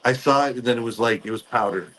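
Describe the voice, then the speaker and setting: A man speaking as a spirit medium, relaying messages in short, halting fragments during a ghost box session. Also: medium pitch, a bit bright, rough recording.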